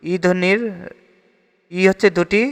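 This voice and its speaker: A man's voice: sits high, little pitch movement, unhurried, clean tone, big-room sound. A man with a Bangladeshi Bengali accent teaching an exam-prep grammar lesson, steadily reading each question and repeating the answer.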